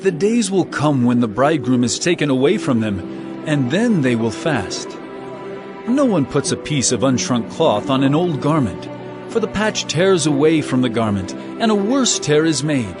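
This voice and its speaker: An actor playing Jesus in a dramatized audio Bible, a compassionate teacher speaking earnestly and with authority. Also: male voice, on the high side, very animated, moderate pace. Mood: earnest, teaching. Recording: music behind the voice. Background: background music.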